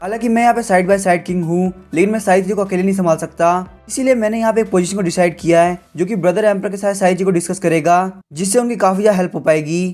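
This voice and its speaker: A cocky young prince who taunts and lords it over everyone, read out by a man. The voice sits high and the words come fast and clipped, with faint music underneath. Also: steady tone, darkish tone, lightly acted. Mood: smug. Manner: smug, taunting. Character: arrogant young male prince, god's disciple.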